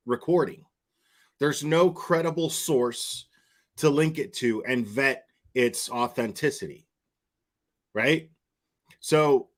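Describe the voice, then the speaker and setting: A man's slightly bright, mid-range voice carries his opinionated, improvised online commentary. Emphatic and repetitive for effect, he frequently tags on "okay?" and "right?" to engage the listener.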